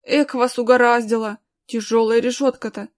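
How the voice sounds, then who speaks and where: A woman's voice: on the high side, steady tone, moderate pace, lightly acted. A woman voicing a kindly old grandfather who grumbles good-naturedly, in a storybook reading.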